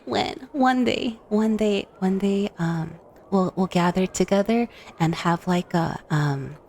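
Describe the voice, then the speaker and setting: A woman VTuber chatting casually with her livestream in an expressive, informal way, close to a USB microphone. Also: mid-range voice, slow, a little hiss or hum. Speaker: VTuber streamer.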